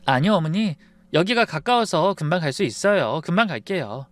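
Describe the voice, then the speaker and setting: A man voicing a caring young daughter-in-law who speaks softly and warmly. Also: on the high side, big pitch swings, fairly quick, dry recording, pitched above the performer's own voice. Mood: concerned. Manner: soft, warm, concerned.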